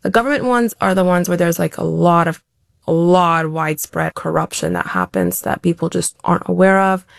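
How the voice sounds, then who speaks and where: A woman's voice: fairly low pitch, lively intonation, brisk, gravelly, no room sound, clean studio sound. A woman answering interview questions as an elite athlete guest, talking in a reflective, open way with frequent restarts.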